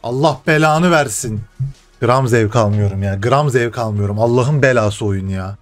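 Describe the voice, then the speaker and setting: A man's voice: mid-range voice, normal speed, soft background music. Frustrated gamer swearing over his match. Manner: frustrated swearing, shouts at the game. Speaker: gaming streamer. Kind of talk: live gameplay commentary.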